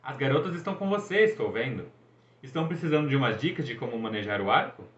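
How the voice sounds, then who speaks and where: A man voices a cocky, boastful young sun god, showing off and teasing in high spirits. His delivery is animated and quick in a natural voice, captured in an echoey, dull-sounding room.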